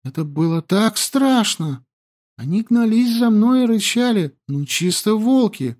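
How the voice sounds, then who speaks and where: A man's voice: high voice, very animated, a little slow, a little mellow, voice pushed up. A male reader voicing a flighty, wide-eyed young woman from the capital who chatters and wheedles. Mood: chattery. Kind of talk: audiobook character voice.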